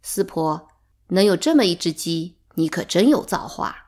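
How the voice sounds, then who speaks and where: A woman's voice: lowish voice, lively intonation, moderate pace, a little mellow. A woman voicing a chatty household servant who brags in a storybook reading. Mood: boastful.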